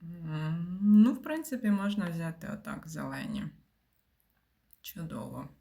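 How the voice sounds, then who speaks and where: A woman's voice: lowish voice, sing-song, unhurried, gravelly, mellow. A woman giving casual commentary while playing a puzzle game, thinking aloud and often dropping to a mutter or whisper. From Ukraine. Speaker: game streamer.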